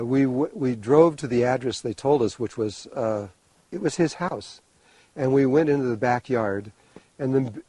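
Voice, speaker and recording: A man telling a long personal story in a rambling, animated way, with many restarts. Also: mid-range voice, no room sound, low-quality recording. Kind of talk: storytelling talk.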